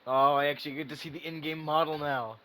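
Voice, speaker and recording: Fast and a little high-voiced, this man streams games and reacts live in a casual, excitable way, often repeating himself while he thinks aloud.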